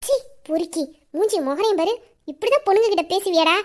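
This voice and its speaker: A woman doing shrill young heroine Nila. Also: fast talker. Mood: scolding. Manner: scolding, tearful pleading. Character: sharp-tongued young woman Nila, tearful. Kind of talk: amateur Tamil audio drama.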